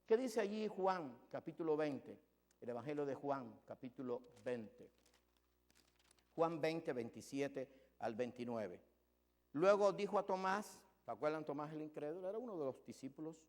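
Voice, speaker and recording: A man preaching a sermon as pastor, emphatic, swinging from loud to hushed. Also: on the high side, lively intonation, moderate pace, in a large hall.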